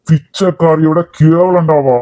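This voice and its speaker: A man voicing a domineering, contemptuous middle-aged father in an animated cartoon, harsh and scolding. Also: fairly high pitch, measured pace, natural voice. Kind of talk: cartoon voice acting.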